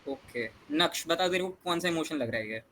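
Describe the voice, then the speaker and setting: A man's voice: a little high, animated, brisk, bright, forceful tone, a little hiss or hum. A young man hosting an online workshop over a video call, chatting casually in Hindi and English and teasing participants to speak up. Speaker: workshop host.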